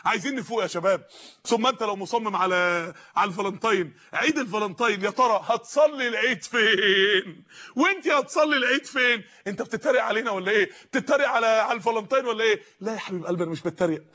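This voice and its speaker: A man with an Egyptian Arabic accent preaching an impassioned sermon, often shouting and pleading with his listeners. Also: high-pitched, racing, highs cut off.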